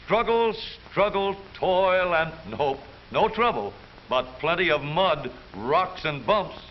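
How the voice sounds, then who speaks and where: A man with a high-sitting voice and lively intonation narrates slowly from a 1930s newsreel script. He is American, and his delivery is jaunty, theatrical and wisecracking. The 1930s soundtrack is muffled and hissy.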